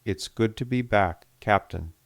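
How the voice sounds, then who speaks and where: A man reading the lines of a disciplined, reserved high commander in an audiobook. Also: measured pace, creaky, no room sound. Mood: formal. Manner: restrained, formal.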